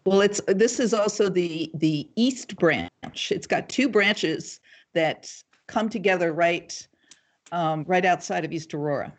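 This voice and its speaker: An older woman answering interview questions in a measured, thoughtful way, pausing often with ums. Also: lowish voice. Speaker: guest, local party committee chair. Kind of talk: casual livestream interview.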